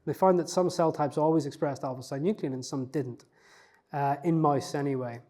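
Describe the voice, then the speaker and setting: A man who isn't from Newcastle, working as a researcher, gives reflective, self-deprecating answers to interview questions, full of fillers and false starts. He has a warm voice of fairly high pitch and talks at a normal pace.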